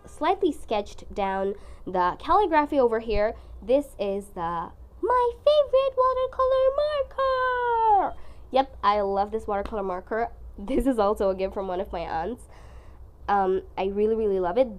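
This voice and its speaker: Young woman with congested, flu-strained voice. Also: mid-range voice. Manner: expressive, dramatic, self-deprecating. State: sick with flu. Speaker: art vlogger. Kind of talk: casual chatty voice-over while painting.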